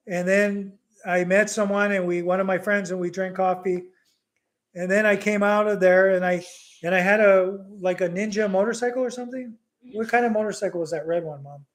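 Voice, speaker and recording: High-voiced man telling a lively story. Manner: lively storyteller who drops local Bisaya words into his English. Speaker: livestream host. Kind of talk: casual live Q&A chat and storytelling.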